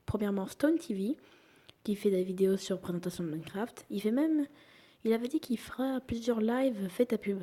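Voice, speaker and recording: A woman's voice: medium pitch, normal speed, dark tone. A young woman giving casual commentary over a video game she is playing, chatty, often dropping to a whisper as she plays. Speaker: gaming YouTuber.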